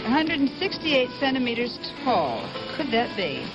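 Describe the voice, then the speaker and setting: A woman commenting on a pageant, describing a contestant in an expressive way. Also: fairly high pitch, moderate pace. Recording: dull archive broadcast over loud music.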